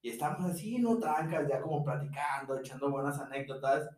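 A podcast co-host, a young Mexican man with a Mexican Spanish accent, brisk and mid-range with a darkish tone, shares a vacation story full of slang and laughter while acting out his friends' dialogue. The mic is distant and the room echoes.

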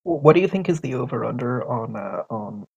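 A man's voice: medium pitch, expressive, brisk, creaky, breathy edge, dull audio. A man co-hosting a casual chat and making wry jokes. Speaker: podcast co-host.

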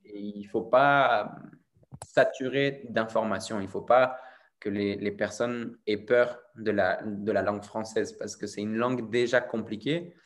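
A French man who teaches French talks casually, explaining his views thoughtfully and restarting often. His voice sits fairly low, with a steady tone and a measured pace.

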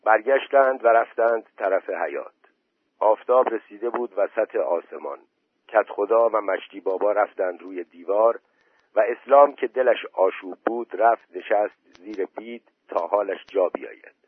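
A man with a husky voice reading a story aloud in a plain, steady storytelling manner. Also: on the low side, dry recording. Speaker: narrator. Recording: dry tinny phone-like voice message.

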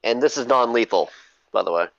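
A man's voice: medium pitch, fairly quick, gravelly, a bit bright. A man playing a tabletop game, joking and playful. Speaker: player. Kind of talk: casual tabletop role-play. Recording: dry, muffled lo-fi mic.

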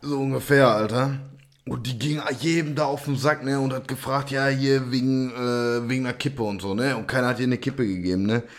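A man's voice: mid-range voice, steady tone, a little fast. A young man co-hosting a podcast, telling stories in a slangy, laughing casual chat. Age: young adult. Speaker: podcast co-host.

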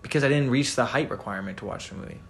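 A man's voice: mid-range voice, rapid-fire, slight background noise. Young man, podcast co-host, casual chat, rambling, swearing, filler words. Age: 20s.

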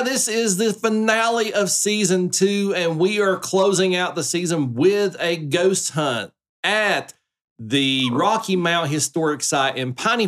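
Upbeat dad hosting a podcast. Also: male voice, on the high side, a bit bright. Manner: folksy, upbeat, joking. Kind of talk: casual podcast chat.

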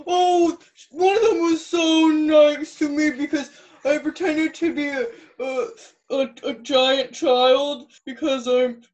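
A woman's voice: high-pitched, steady tone, slow pace, darkish tone. A woman playing a big, dim, sensitive male goblin who talks earnestly and naively.

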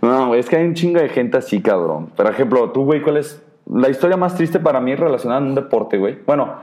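A young Mexican man hosting a casual podcast, his speech loose and salted with slang and swearing. He tells stories in an animated way, leaning on fillers at every turn. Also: medium pitch, fast talker. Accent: Mexican Spanish. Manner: slangy and profane, animated storytelling with many fillers. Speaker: podcast host. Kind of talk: casual chat.

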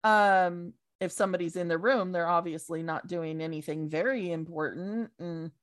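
A woman speaking as a guest in a casual interview, hesitant with many pauses and fillers. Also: fairly low pitch.

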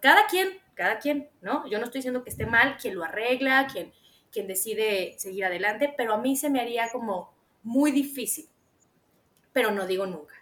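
Speaking at a normal speed in a fairly high voice, a Mexican Spanish-accented woman chats casually as a podcast co-host. She's an animated storyteller who performs her own quotes as she goes.

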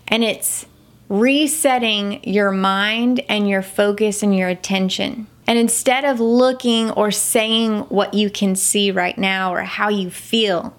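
A middle-aged woman hosting a devotional podcast, telling a personal story in an earnest way and animating the voices of herself and her son. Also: mid-range voice. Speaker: podcast host.

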